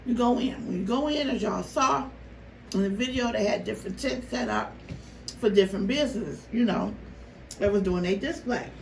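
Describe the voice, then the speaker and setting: A woman vlogger telling a story casually to her viewers, animated and exasperated, with rhetorical questions. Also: on the high side, moderate pace, vocal fry. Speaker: mukbang vlogger. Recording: roomy, noisy, distant microphone.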